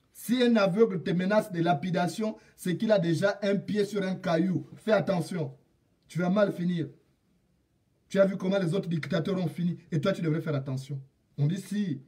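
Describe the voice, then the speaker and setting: A man's voice: sits high, a little mellow, far from the mic. A man from Gabon addressing a president directly in an indignant political rant, repeating proverbs and lines for emphasis. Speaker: political commentator.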